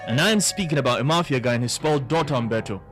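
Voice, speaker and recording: A man's voice: mid-range voice, racing, fairly bright tone, natural voice. An actor voicing a sarcastic older father who needles his wife. It is a soap opera dub, with faint music beneath. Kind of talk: dubbed telenovela acting.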